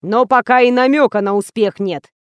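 A woman voicing a cold, contemptuous rich man in an audiobook, scolding loudly. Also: fairly high pitch, animated, dry recording, lo-fi sound, natural voice. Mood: furious. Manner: loud, slow, scornful ranting.

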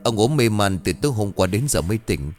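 A man's voice: lowish voice, expressive, brisk, darkish tone, soft background music, lightly acted. A man voicing an earnest young villager who urges and reassures his sick friend. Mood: teasing. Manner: earnest, urging.

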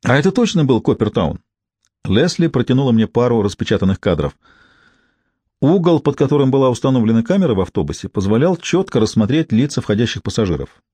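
A man's voice: medium pitch, sing-song, fast, warm tone, no room sound. A man narrating a first-person audiobook in a dry, ironic storytelling manner.

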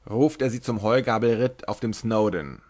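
A man's voice: lowish voice, normal speed, darkish tone, close to an everyday voice. A man voicing a scornful companion who jeers at a young woman. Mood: jeering. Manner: scornful, jeering. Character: scornful, mocking man among rough companions.

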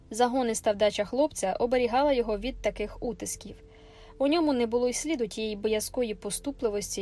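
Жінка-оповідачка з виразним читанням. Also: female voice, a little high. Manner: measured, expressive storytelling. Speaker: audiobook narrator. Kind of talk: scripted literary narration.

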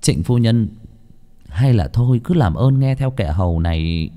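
A man's voice: fairly low pitch, animated, measured pace, dark tone, big-room sound. A man voicing an anxious household servant pleading with the lady.

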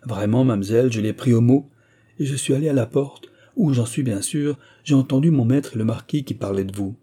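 A man's voice: mid-range voice, fairly quick, mellow, husky, close to an everyday voice. A man voicing a chatty, loyal young manservant who talks in a familiar, blunt way in an audiobook reading. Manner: familiar and talkative, swearing by God.

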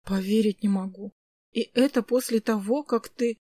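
A woman voicing a gentle, teasing young man who is an older brother in an audiobook, speaking softly. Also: medium pitch, normal speed, dry recording, close to an everyday voice. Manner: soft, teasing.

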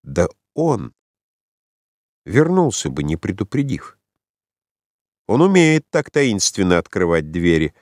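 A man reading the lines of a timid, tame young lover in an audiobook, quietly and hesitantly. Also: deep voice, sing-song, slow, pauses often, no room sound, clean studio sound, full character voice. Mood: playful.

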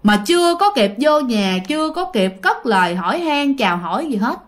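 Phụ nữ giọng Nam Bộ, kể chuyện ma kiểu tâm sự, hay gọi "các bạn". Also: female voice, sits high, sing-song, normal speed. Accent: Southern Vietnamese. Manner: chatty, addresses listeners directly. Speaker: storyteller. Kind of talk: casual spoken ghost story narration.

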